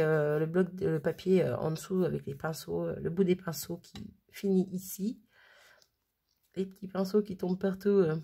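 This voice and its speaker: A woman with a husky, slightly breathy voice talks casually as a crafting vlogger. She gushes about what she shows and often trips over her words. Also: lowish voice, darkish tone. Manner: gushing, stumbling over words. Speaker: crafting vlogger showing mail she received. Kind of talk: casual chat.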